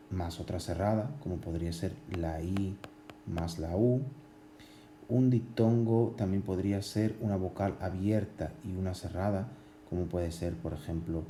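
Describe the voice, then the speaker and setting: A man teaching grammar at a board, explaining slowly with many pauses, fillers and restarts. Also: deep voice, dark tone, reverberant, a little hiss or hum. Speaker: Spanish language teacher.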